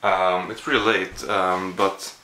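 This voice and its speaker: Filming a casual vlog in his small apartment on a handheld camera at arm's length, a young adult from Sweden, Swedish accent and all, rambles in a self-deprecating way. He speaks slowly in a low, level voice that sounds pushed and bright. The audio is poor, with slight background noise.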